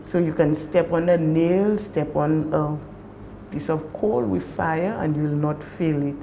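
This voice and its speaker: Low, creaky woman clinician. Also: slow pace, mellow, slight background noise. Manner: explanatory, instructive. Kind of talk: patient consultation. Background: faint music.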